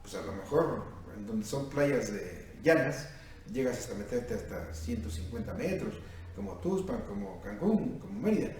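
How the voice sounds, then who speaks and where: Lively Mexican priest in his fifties, echoey and distant. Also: mid-range voice, moderate pace. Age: 50s. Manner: lively, questioning the listeners and calling them "mijo". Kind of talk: sermon at a youth retreat. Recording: echoey room from far off, faint noise.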